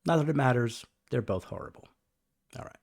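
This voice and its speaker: A man's voice: mid-range voice, lively intonation, a little fast, gravelly, a little mellow, dry recording, clean studio sound. A man co-hosting a podcast in casual chat, musing wryly and repeating himself. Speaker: podcast co-host.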